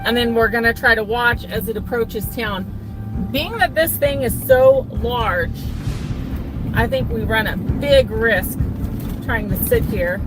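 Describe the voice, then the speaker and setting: A woman's voice: fairly high pitch, takes it slowly, music in the background, rough recording. A woman giving live storm-chase commentary from inside a car, thinking aloud and repeating words for emphasis. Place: inside a moving or parked car.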